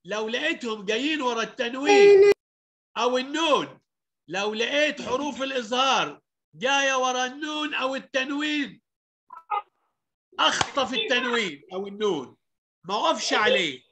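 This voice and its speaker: A man with an Egyptian accent teaching children Quran recitation over a video call, explaining rules and reciting verses slowly with stretched sounds. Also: very high voice, expressive, sharp tone, a little hiss or hum. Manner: coaxing questions to children, calls them heroes.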